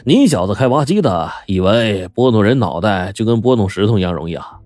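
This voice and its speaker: A man's voice: fairly low pitch, animated, brisk, a little mellow, no room sound, studio quality, lightly acted. A man voicing a brash middle-aged mine boss who mocks and presses his workers. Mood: mocking. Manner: mocking, brash, amused.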